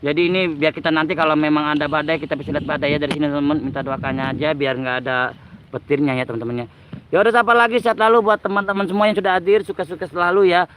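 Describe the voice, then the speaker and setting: A man's voice: on the high side, fairly even intonation, very fast, fairly bright tone, a little hiss or hum. A man hosting a casual livestream outdoors by rice fields, reading viewer comments aloud and breaking into giggles. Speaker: livestream host. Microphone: phone on a tripod.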